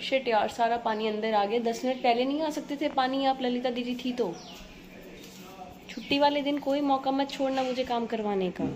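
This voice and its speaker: A woman's voice: high-pitched, normal speed, a little mellow. A woman vlogging at home, scolding and coaxing her pet dog in a mix of stern and baby talk. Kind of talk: casual home vlog, talking to pets.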